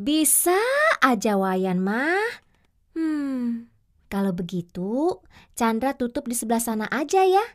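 A young woman with a Sundanese accent playing a kind shopkeeper who gives children advice, speaking gently and slowly in a children's TV drama. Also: a little high, big pitch swings. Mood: friendly. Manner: gentle, slow, advising delivery.

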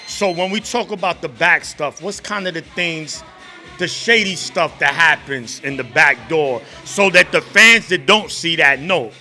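Man with a sharp, bright voice. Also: a little high. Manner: hyped, encouraging, repeats "right?". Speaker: interviewer, host. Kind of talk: casual interview questions. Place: boxing gym beside a ring, indoors. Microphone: handheld mic.

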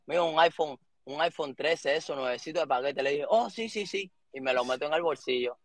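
A man in his thirties from Cuba with a Cuban accent, telling a story as an interview guest in lively street slang. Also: fairly high pitch, brisk, dry recording. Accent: Cuban Spanish. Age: 30s. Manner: animated street slang, acts out quotes.

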